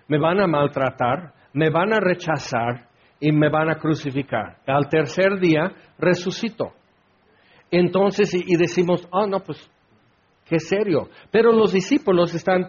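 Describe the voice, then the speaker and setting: A man preaching a sermon in an animated way, acting out the crowd's voices. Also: on the high side, breathy edge. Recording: dull lo-fi recording.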